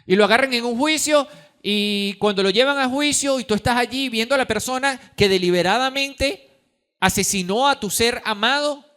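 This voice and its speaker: A man preaching a sermon in church, impassioned, swinging between loud and hushed, with many rhetorical questions. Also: extremely high pitch, normal speed, clear, resonant tone. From Venezuela. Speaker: pastor.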